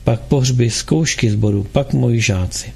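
A man doing a gentle music teacher. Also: mid-range voice, creaky, breathy edge. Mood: calm, explaining. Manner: soft, reassuring. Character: kind gentle male music teacher, adult.

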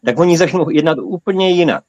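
A man on a panel chat, calmly insistent and lecturing. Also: on the high side, dry recording, muffled recording. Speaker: panel guest.

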